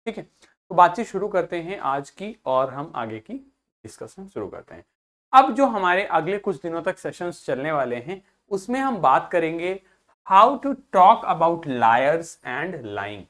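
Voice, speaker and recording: A male teacher giving a classroom vocabulary lesson, asking the class questions, answering them himself, and repeating each word slowly several times. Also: fairly high pitch, sing-song, a bit bright.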